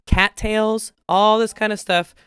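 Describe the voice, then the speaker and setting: A podcast co-host holding forth bluntly, swearing as the point builds. The voice is smooth and clear, with a dry, close sound. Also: mid-range voice, fairly even intonation, slow pace, a bit bright, no room sound. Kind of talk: casual comedic chat.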